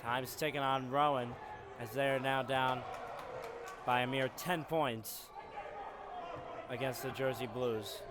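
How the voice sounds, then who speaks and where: A man calling live college basketball play-by-play from an arena skybox, breaking into shouts on big plays. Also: medium pitch, steady tone, takes it slowly, long pauses, crowd noise. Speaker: play-by-play commentator. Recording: noisy arena broadcast.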